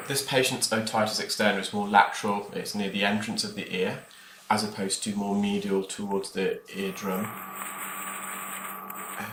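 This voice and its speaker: This is an ear care clinician voicing over his procedure footage, explaining informally to viewers in a halting, meandering manner. His voice is lowish with a sharp tone, heard in an echoey space where the procedure's background noise is clear.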